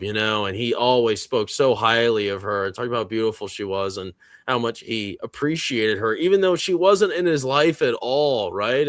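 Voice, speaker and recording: A man's voice: lowish voice, fairly bright tone, no echo. Rambling male stream host, dry sound. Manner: rambling, reads viewer comments aloud, many fillers. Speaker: host of a movie reaction panel. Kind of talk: casual live-stream chat.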